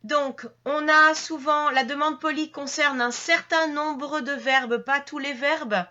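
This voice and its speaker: Woman teacher, bright higher voice, patient step-by-step explainer, slightly dull lo-fi recording. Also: fairly even intonation, takes it slowly. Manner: patient, explains step by step with many fillers and restarts. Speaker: French teacher. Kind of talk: grammar lesson to camera.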